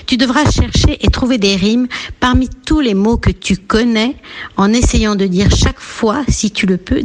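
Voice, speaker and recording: A woman gives a lesson for small children in a slow, patient delivery. Her voice sits a little high and swoops up warmly when she encourages. She talks as a teacher guiding little ones step by step. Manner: slow, gentle, lilting teacher voice with big pitch leaps to encourage. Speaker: preschool teacher. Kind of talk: radio lesson for young children.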